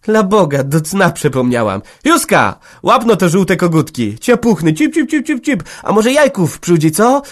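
A loud, eager young countrywoman chattering and fussing in a raised, bright pitch, as a male narrator puts her on. She sounds warm-hearted and busy in this spoken storybook. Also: big pitch swings, normal speed, few pauses. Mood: bustling.

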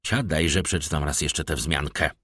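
A man's voice: a bass voice, moderate pace, a bit bright, breathy edge, no room sound, exaggerated voice. A man voicing a wry, easygoing newspaper editor in an audiobook, jovial and ironic. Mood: measured. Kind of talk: audiobook character voice.

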